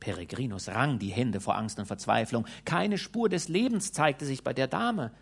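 A man reading a literary audiobook aloud with expressive, theatrical narration. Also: medium pitch, normal speed, gravelly, slightly rough. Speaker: audiobook reader.

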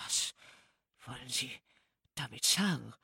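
A woman voicing a brooding, harsh male master of the house who speaks in gruff mutters and angry outbursts. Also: very deep voice, animated, slow pace, sharp tone, no room sound, clean studio sound, voice pushed down, exaggerated voice. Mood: thundering. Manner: gruff mutters bursting into thundering rage.

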